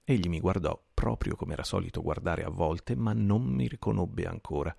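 A man reading a classic novel aloud as an audiobook narrator, in a measured, unhurried way. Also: deep voice, vocal fry, mellow, husky, dry recording, clean studio sound. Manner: measured, unhurried reading with small self-corrections. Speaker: audiobook reader.

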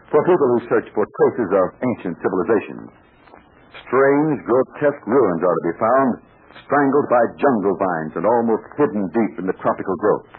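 Man, old radio announcer, eager emphatic delivery, lively swooping pitch, thin noisy vintage broadcast sound. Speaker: announcer and narrator of a radio serial. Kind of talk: old-time radio announcing, sponsor pitch and scripted narration. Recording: tinny narrow-band old radio recording, noisy.

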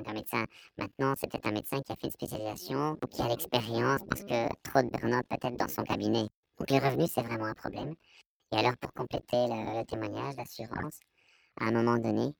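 A man with a Belgian French accent giving a hesitant, explanatory testimony, his voice artificially pitched down to disguise it. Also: vocal fry, slight background noise, rough recording. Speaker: anonymous interviewee giving testimony. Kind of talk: personal testimony in an interview.

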